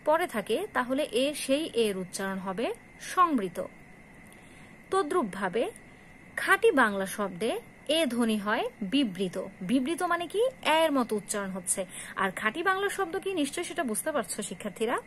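A woman with a high voice teaches a grammar lesson as a college lecturer. She explains step by step and asks questions that she answers herself. A faint hiss sits under her voice. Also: fairly bright tone.

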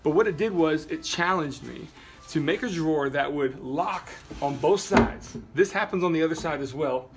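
A man's voice: a little high, moderate pace. A man in his thirties, the host of a woodworking channel, casually explaining a build in his home workshop. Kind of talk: tutorial voice-over and talk to camera. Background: background music.

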